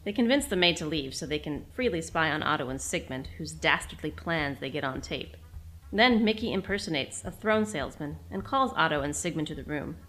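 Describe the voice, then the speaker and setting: Woman host reading her recap aloud; fond tone, low-pitched. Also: animated, a little fast, fairly bright tone. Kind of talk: scripted reading.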